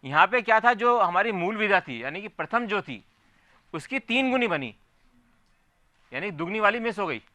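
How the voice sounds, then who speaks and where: Bright, high-pitched male physics teacher. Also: big pitch swings, moderate pace, long pauses, no room sound. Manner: explains step by step, keeps checking if students follow. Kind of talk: classroom lecture. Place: classroom.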